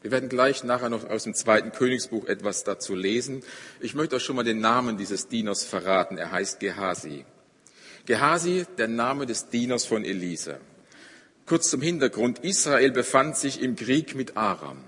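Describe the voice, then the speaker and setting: A man preaching a sermon, telling a story dramatically and moving between loud, emphatic passages and hushed ones. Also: medium pitch, moderate pace, breathy edge, in a large hall. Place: church.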